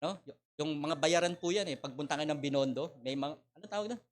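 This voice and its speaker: A middle-aged man with a Filipino accent preaching a sermon as pastor, swinging between loud appeals and quiet asides. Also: a little high, quick pace. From Philippines.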